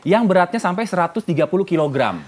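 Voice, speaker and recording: A woman hosting home shopping, making an upbeat, persuasive and emphatic infomercial sales pitch. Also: expressive, fast talker, darkish tone.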